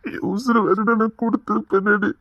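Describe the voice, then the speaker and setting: Man acting a loyal young lover, husky, hurt and firm, audio drama, dry dull recording. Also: high voice, dry recording. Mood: hurt reproach. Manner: slow, reproachful, then firmly reassuring.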